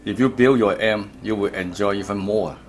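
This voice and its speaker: A middle-aged man from Vancouver, Canada, whose first language isn't English, speaks in a low, fairly even voice. He's an audio kit distributor walking through a product in an informal interview, halting and repeating himself. It's recorded indoors in a hotel room at an audio show, with slight background noise.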